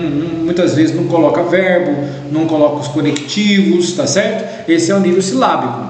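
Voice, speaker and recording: A man's voice: fairly high pitch, a little mellow. A man with a Brazilian Portuguese accent, a teacher walking through a grading guide in an explanatory way, often checking in with his listeners. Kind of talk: recorded lesson walkthrough. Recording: echoey room with long reverb.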